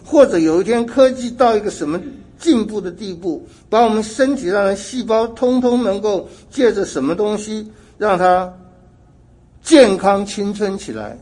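A man's voice: high voice, darkish tone, breathy edge. A man preaching a sermon in an earnest way, asking rhetorical questions and correcting himself as he goes.

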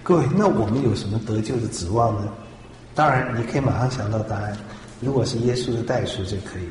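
A man's voice: mid-range voice, fast, darkish tone, a little hiss or hum. A man preaching a sermon with emphasis, putting rhetorical questions to his listeners. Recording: echoey hall with long reverb.

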